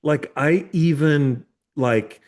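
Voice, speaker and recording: A man's voice: fairly high pitch, very slow, darkish tone. A man in his fifties, a therapist hosting a podcast, chatting casually with many restarts and casual swearing. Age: 50s. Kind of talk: casual conversation.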